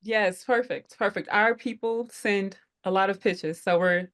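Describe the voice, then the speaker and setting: Welcoming participants to an online group call, the host, a woman who heads operations, sounds upbeat and leans on frequent fillers. Her medium-pitched voice is slightly bright and a touch slow.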